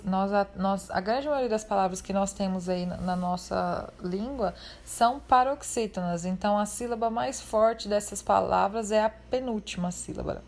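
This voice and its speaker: A woman teacher, giving a remote class lesson in a friendly way and explaining step by step. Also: mid-range voice.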